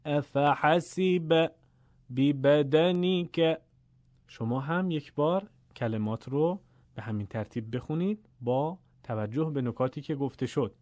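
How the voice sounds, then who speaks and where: A male Quran recitation teacher gives a recorded lesson at a middle pitch. He explains patiently and draws out example syllables slowly for the listener. The sound is dry and close. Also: a little mellow, no room sound.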